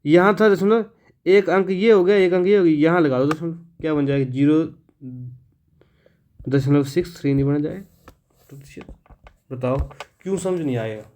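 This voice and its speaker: A man's voice: a little high, normal speed, pauses often, darkish tone, a little hiss or hum. A man teaching a math lesson for exam prep. He asks the class questions, answers them himself and repeats each step in a casual, friendly way. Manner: casual, addresses viewers as friends and brother.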